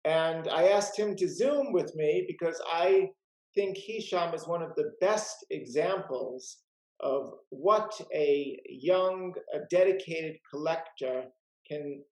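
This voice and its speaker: Gravelly man chatting over a video call. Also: a little high, darkish tone, reverberant, low-quality recording. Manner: chatty, many "uh" and "you know" fillers. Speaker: rare book dealer and host. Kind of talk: casual video call chat.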